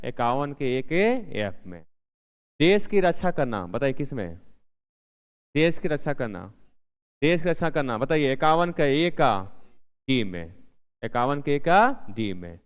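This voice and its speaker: A man's voice: fairly high pitch, sing-song, moderate pace, clean tone, long reverb tail. A male teacher leading an exam-prep lesson, asking questions and answering them himself, repeating the key answers.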